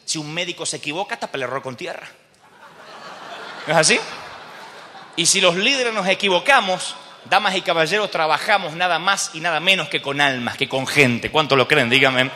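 A man's voice: a little high, moderate pace, pushed and bright, a little hiss or hum. A man preaching a sermon at a congress, emphatic and calling out to the audience in a large hall. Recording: long hall reverb.

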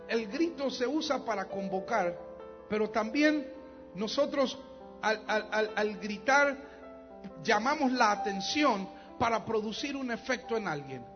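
A middle-aged man, preaching a sermon that swells into shouted calls to the congregation. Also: sits high. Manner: rising to shouted fervor, repetitive calls to the congregation. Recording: dull, reverberant hall with music behind.

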